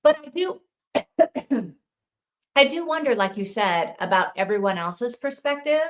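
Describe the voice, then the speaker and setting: A woman's voice: a little high, animated, a little slow. A woman in a casual book club chat, musing and wondering aloud about the story and her own family.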